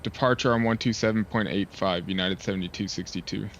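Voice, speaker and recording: A man acting as a pilot, reading back air traffic clearances in clipped radio phraseology through a cockpit headset mic. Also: on the low side, steady tone, fast talker, fairly bright tone. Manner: clipped, formal call sign readbacks. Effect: pilot speaking over a cockpit headset mic. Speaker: sim pilot talking to online air traffic control. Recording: dull lo-fi headset mic, faint hiss.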